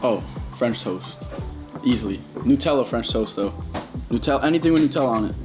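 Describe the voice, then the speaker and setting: A young man with a Queens, New York accent talks off the cuff in a casual vlog. His speech is slangy and informal, and there is clear music playing behind him. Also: medium pitch, animated, fairly quick. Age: young adult. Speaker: baseball player, vlog subject.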